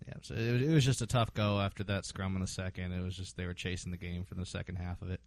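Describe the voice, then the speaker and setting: A man's voice: sits low, flat delivery, quick pace, dry recording. A man hosting a casual sports podcast, recapping games with frequent ums and hesitations. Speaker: podcast host.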